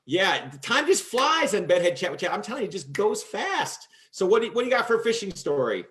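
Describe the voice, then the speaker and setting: A man hosting a casual chat show, telling stories in an animated way and acting out quotes loudly. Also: high voice, brisk. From Michigan, USA. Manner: animated, acts out quotes in a loud voice. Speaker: host.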